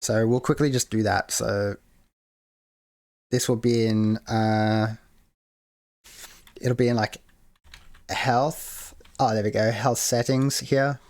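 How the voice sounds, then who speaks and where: A man's voice: lowish voice, fairly even intonation, slow pace, pauses often, darkish tone, no room sound, studio quality. Rambling man with hesitant fillers. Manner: rambling, many fillers and restarts. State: hiccuping. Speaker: game modding tutorial host. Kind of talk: casual screen-share tutorial.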